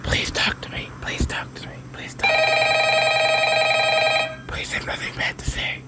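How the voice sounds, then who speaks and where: A sick man whispering to spare his throat, giving nervous murmured commentary as he plays a game. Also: a little slow. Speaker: gamer playing a horror game.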